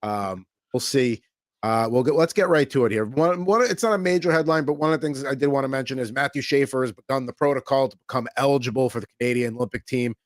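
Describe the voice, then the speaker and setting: A quick-talking American man with a medium-pitched voice hosts a casual hockey podcast, wandering through topics in an easygoing way full of fillers. The sound is dry and clean, studio-grade.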